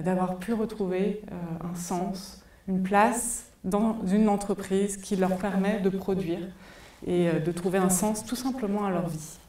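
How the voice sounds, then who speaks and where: Her voice is mid-range and warm: a woman from France, in her forties, presenting at a conference in a large cinema hall through a headset mic. She comes across as thoughtful, with frequent hesitation fillers. Echo fills the hall, and her voice seems to come from far off.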